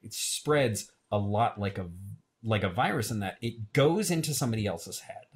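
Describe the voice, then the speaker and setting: A man's voice: lowish voice, expressive, moderate pace, slightly rough. A man, a filmmaker guest, talking in a casual interview, often hesitating and repeating words. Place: radio show studio.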